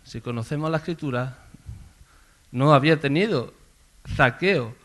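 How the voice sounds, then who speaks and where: A man preaching a sermon in a conversational storytelling way, calling out names loudly. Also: fairly high pitch, unhurried. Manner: conversational storytelling, swells loud on names called out. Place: church service.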